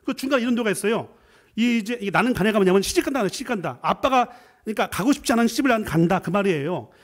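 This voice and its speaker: A middle-aged man preaching a Friday prayer sermon as a guest professor, joking and swinging from loud exclamations to quiet asides. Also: sits high, animated, very fast.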